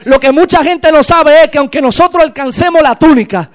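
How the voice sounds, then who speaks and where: A man preaching a sermon in church, impassioned and building to shouted exclamations. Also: very high-pitched, fairly quick, some chatter behind.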